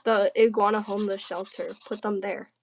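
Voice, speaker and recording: Speaking fairly quickly with a medium pitch and little pitch movement, a Southern US woman chats casually on a crafting livestream. She trades playful, slangy jokes and banter with her viewers.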